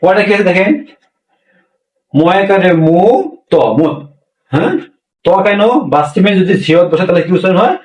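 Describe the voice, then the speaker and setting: With a high-pitched voice at normal speed and frequent pauses, a man teaches pronunciation rules step by step. He tends to repeat himself and to ask questions only to answer them, and the distant mic picks up lots of room echo.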